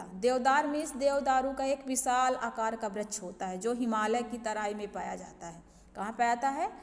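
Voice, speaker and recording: A woman teaching a school lesson in a clear, high voice. She keeps checking in with her pupils, slips English words into her explanations, and answers her own questions. The sound rings with a long room reverb. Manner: repeats "ठीक है ना" as a check-in with pupils; asks questions, then answers them herself. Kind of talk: online class lesson explanation.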